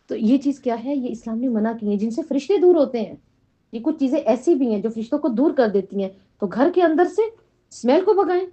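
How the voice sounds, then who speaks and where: A middle-aged woman teaches a Quran lesson to a class, frequently asking questions and checking in with "right?". Her voice is high, animated and mellow, captured in a dull lo-fi recording.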